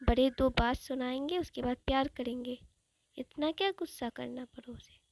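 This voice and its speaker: Woman reading as an old grandmother, chiding and fussing, high voice, gravelly edge. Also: normal speed, a little mellow, slight background noise. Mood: scolding. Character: older grandmother, scolding but loving.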